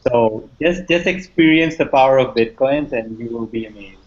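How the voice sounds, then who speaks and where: A man's voice: medium pitch, normal speed. A man with a mid-range voice speaks earnestly on an online call, encouraging his listeners. The audio is dull and lo-fi, the way a call sounds. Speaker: guest. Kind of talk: casual online discussion.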